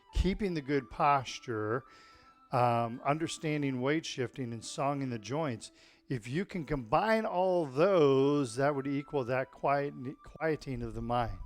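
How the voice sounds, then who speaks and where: A man teaching tai chi in an informal, explanatory and encouraging way, often checking in with his listeners. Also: mid-range voice. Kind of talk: informal spoken class instruction.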